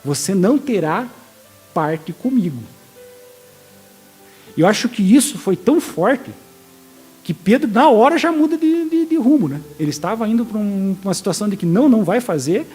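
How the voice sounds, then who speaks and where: A man gives a sermon in a high, dark, husky voice, talking it through like a conversation and breaking into little acted-out quotes. Faint music plays underneath. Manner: conversational, explaining scripture and acting out quotes, frequent restarts. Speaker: preacher.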